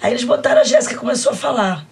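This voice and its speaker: A woman's voice: a little high, racing, creaky. A Brazilian woman in her sixties, an actress telling stories in an interview, crying and laughing as she talks. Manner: expressive, storytelling, laughs while talking. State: tearful, crying while speaking. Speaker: actress and guest. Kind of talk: emotional interview talk.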